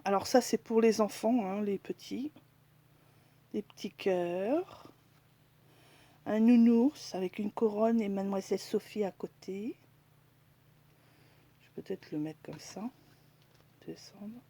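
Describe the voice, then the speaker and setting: A woman talks slowly through a casual haul video with a mellow, rounded voice. She pauses often with fillers and sometimes sinks into a whisper while showing her things. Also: mid-range voice, slight background noise. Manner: chatty, hesitant, with many fillers. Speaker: crafting vlogger.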